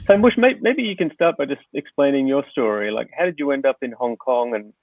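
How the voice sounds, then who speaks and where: A man hosting a podcast over a video call, speaking in a relaxed, rambling way with lots of fillers. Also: mid-range voice, a little fast, dry recording. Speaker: podcast host. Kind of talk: casual conversational interview. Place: home in Hong Kong. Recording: dry, tinny phone-like line.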